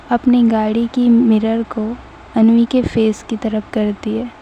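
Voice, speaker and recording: Slow, calm female storyteller. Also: fairly high pitch, lo-fi sound, a little hiss or hum. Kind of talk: narrated audio story.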